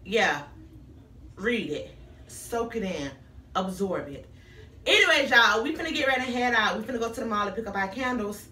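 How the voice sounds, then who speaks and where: A young American woman with a raspy voice chats casually and emphatically to her vlog viewers, repeating phrases for effect. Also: a little high, animated, normal speed, sharp tone, recorded from a distance. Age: young adult. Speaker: vlogger. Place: small tiled bathroom. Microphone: camera a few feet away. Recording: echoey room, away from mic.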